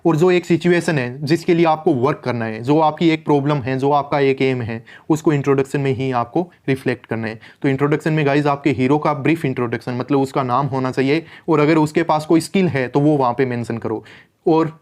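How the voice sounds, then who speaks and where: A man coaching exam candidates in a conversational instructional video, mixing English terms into his speech and slowing down to spell out rules. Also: mid-range voice, a little mellow. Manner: slows right down to read out English rules. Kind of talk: instructional explainer.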